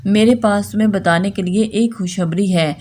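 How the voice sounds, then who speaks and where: A man's voice: sits high, fairly even intonation, darkish tone. A woman voicing a loving, teasing young man who turns protective, reading him in her own plain voice. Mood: affectionate teasing.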